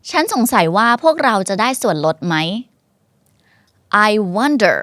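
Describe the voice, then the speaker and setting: A woman's voice: fairly high pitch, sing-song, slow, fairly bright tone, dry recording, clean studio sound. Friendly woman teaching English. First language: Thai. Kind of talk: casual online English lesson.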